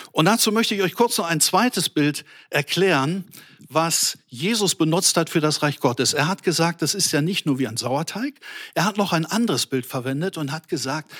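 A middle-aged man preaching an animated sermon to an online audience, speaking directly and colloquially to his listeners and telling stories. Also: fairly high pitch. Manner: colloquial with English words.

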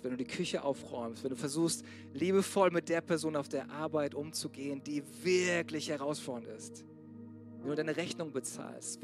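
A man preaching a sermon to a church congregation, swinging from loud urging to soft, hushed passages. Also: on the high side. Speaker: pastor.

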